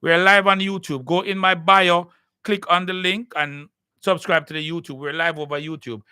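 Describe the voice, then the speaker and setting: Lively bright Jamaican man hosting. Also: sits high, normal speed, clean tone, dry recording, clean studio sound. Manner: animated, repeats words while restarting. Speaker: live podcast host. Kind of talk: casual live-stream chat.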